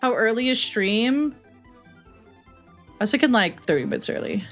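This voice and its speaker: A woman's voice: on the high side, animated, moderate pace, a bit bright, soft background music. A woman livestreaming games, chatting casually with chat in a playful gamer-girl way full of slang. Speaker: streamer and host.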